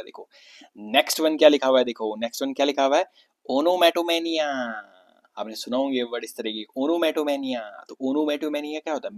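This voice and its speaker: Explaining male vocabulary teacher from Uttarakhand. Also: medium pitch. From Uttarakhand, India. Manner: explanatory, repeats words and asks rhetorical questions. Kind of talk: exam vocabulary lesson.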